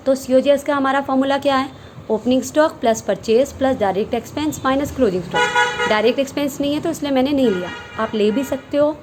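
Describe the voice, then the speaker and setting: A woman's voice: high voice, slight background noise, rough recording. A woman commerce teacher giving a recorded lesson, explaining step by step, asking questions and answering them herself, and mixing English terms into her Hindi.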